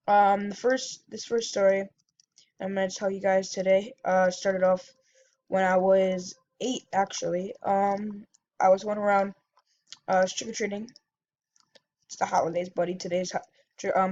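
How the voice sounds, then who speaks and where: A woman's voice: mid-range voice, a little mellow, dull audio. A woman vlogger telling a story in a casual, rambling way, full of fillers and self-corrections.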